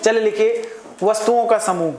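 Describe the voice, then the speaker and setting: A man's voice: sits high, steady tone, moderate pace, a little mellow, slight background noise. A man teaching Hindi grammar to a live class, repeating each word several times and often asking his students if they follow. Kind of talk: classroom lecture. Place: echoey classroom full of students. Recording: echoey classroom with student chatter.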